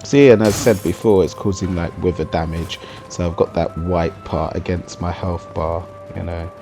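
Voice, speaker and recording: A man's voice: low voice, steady tone, normal speed, creaky. A man giving casual gameplay commentary in an explanatory, conversational way. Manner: explanatory and conversational, often tagging on "you know". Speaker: gaming video commentator. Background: music under the voice.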